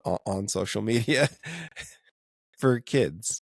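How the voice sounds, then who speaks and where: Low gravelly guy on a church podcast, thinks out loud, dry close mic. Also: slow, no echo. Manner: thoughtful, hedging, laughs often. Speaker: podcast co-host. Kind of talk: casual faith discussion.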